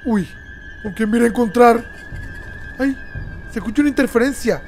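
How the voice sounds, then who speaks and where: A man doing let's-play commentary, talking to his viewers excitedly and yelping and laughing at the scares. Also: very high-pitched, a little fast. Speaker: gamer. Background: game music.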